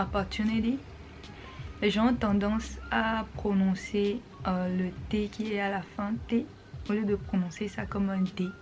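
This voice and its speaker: A woman's voice: mid-range voice, darkish tone. Patient woman vlogger explaining pronunciation. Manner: patient, explains and repeats words slowly. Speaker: vlogger teaching English pronunciation. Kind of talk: casual explanatory vlog.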